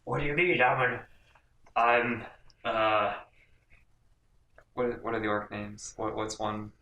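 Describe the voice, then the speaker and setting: A man's voice: on the low side, takes it slowly, pushed and bright, roomy sound, recorded from a distance, dull audio. A man playing a tabletop role-playing game, talking casually with lots of hesitant stammers and restarts. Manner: hesitant, stammering, self-amused. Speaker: player.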